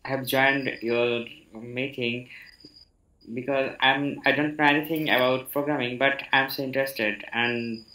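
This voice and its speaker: A man from Bangladesh, a beginner speaking in a hesitant, earnest, halting way on a video call. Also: medium pitch, steady tone, sharp tone. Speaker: beginner participant. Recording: roomy echo.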